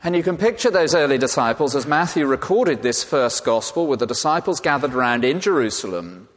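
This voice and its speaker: A man delivers a sermon with emphatic, repeated phrases that build on one another. His mid-pitched voice rings out with a long reverb, as if filling a large church. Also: big pitch swings, a little fast. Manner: emphatic, rhetorical repetition. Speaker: preacher.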